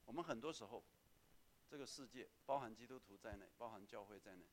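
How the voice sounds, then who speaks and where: Lively preaching pastor, a man. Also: fairly low pitch, fast, a little hiss or hum. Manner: lively, often calling on the congregation to answer; mixes in English words. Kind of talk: sermon.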